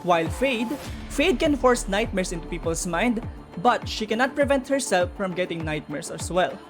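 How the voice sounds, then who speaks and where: In this game lore explainer, a woman narrator talks informally to viewers and speculates along the way. Her medium-pitched voice has lively intonation and a moderate pace, with music beneath it.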